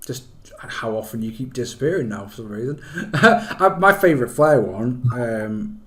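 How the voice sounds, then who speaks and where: A man with a mid-pitched voice talks as a podcast co-host in a casual wrestling chat. He is emphatic and enthusiastic, and he swears freely as he goes. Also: lively intonation, normal speed, a bit bright. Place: remote online call.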